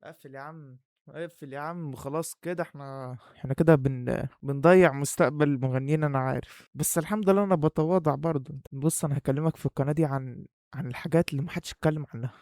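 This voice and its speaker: A man's voice: on the high side, fast, a little mellow, no echo, studio quality. A young man with an Egyptian accent, talking casually and playfully straight to the viewer in a vlog, his voice muffled by a face mask he is wearing. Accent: Egyptian Arabic. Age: young adult. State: muffled, breathing hard through a face mask. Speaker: YouTuber. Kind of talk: casual vlog talk to camera.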